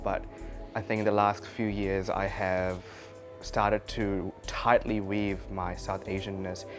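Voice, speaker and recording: A man's voice: lowish voice, little pitch movement, slow pace. A man from Sri Lanka speaking reflectively, with some hesitation, in an interview. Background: music.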